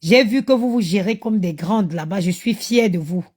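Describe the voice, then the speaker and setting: A woman's voice: mid-range voice, normal speed, a little mellow. A tired woman chatting to her viewers on a phone live stream, talking about motherhood and her online group. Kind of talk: casual live-stream chat.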